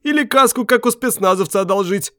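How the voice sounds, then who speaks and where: A man's voice: high-pitched, a little fast, a bit bright, no room sound, studio quality, pitched above the performer's own voice. Man putting on a mocking rude patrolman, crude, jeering, raised voice.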